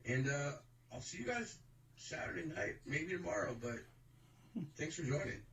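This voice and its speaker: A man's voice: fairly high pitch, lively intonation, normal speed, fairly bright tone, muffled recording. A man co-hosting a casual show, chatting and eagerly pushing a promotion. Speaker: co-host. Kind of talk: casual chat. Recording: echoey room with faint noise.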